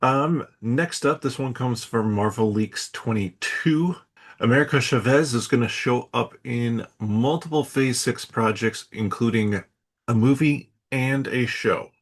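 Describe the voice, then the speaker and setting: A man's voice: mid-range voice, a little slow. A young man co-hosting a podcast, chatting casually with a wry, dry sense of humor and frequent laughter. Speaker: podcast co-host.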